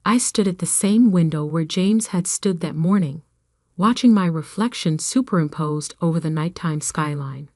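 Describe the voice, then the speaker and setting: A woman reading a first-person revenge story as scripted narration, with measured, even delivery. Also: sits low, no echo, studio quality.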